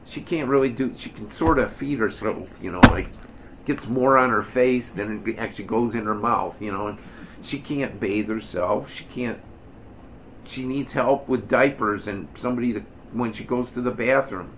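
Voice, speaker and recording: A man's voice: medium pitch, normal speed, background noise. An older man preaching in a plain-spoken, folksy way, now and then lifting his voice into emphatic quoted lines. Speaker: minister. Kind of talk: conversational sermon.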